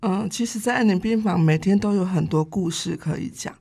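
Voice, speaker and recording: A woman with a gravelly voice set at a middle pitch. She works as a hospice caregiver and tells stories in a lively way, laughing often. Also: brisk. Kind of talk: interview storytelling.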